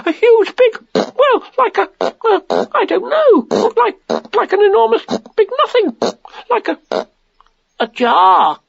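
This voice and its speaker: A man voicing a small, timid, excitable piglet from a children's storybook, anxious and prone to stammering and repeating himself. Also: very high voice, slow, vocal fry, long pauses, dry recording, dull audio, soft background music, voice pushed up, full character voice. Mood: breathless, alarmed.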